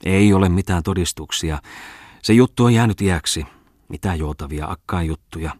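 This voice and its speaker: A man's voice: low voice, darkish tone, dry recording, clean studio sound. A man reading an audiobook voices a stout, wealthy businessman who probes and talks down to people in a self-assured way. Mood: dismissive. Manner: probing, condescending, chuckling. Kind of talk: audiobook character voice.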